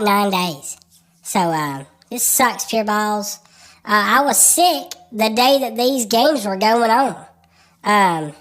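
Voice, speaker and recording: A woman's voice: mid-range voice, a bit bright. A woman hosting a sports podcast. Her voice is congested from a cold, and she talks in a crude, rambling way with lots of ums. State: congested, stuffed-up voice. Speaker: podcast host. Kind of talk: casual sports podcast chat.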